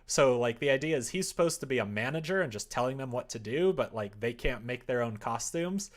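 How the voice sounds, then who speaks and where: A man of medium pitch, speaking a little fast with lively intonation, hosts a casual game development livestream. Working at his indoor computer desk, he rambles, jokes, and thinks out loud for his viewers.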